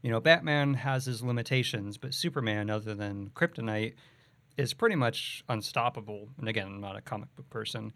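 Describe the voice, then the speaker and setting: A man's voice: fairly low pitch, a little fast, a bit bright, no room sound. A man co-hosting a podcast, chatting casually about a movie and thinking aloud with many "like"s and "you know"s. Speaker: podcast co-host.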